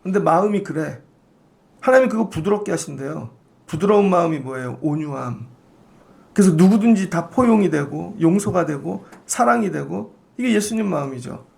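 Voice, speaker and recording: A man's voice: high-pitched, expressive, moderate pace, gravelly, a little mellow. A man pastor giving a conversational Friday prayer sermon, acting out the voices of the people he quotes. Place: church sanctuary.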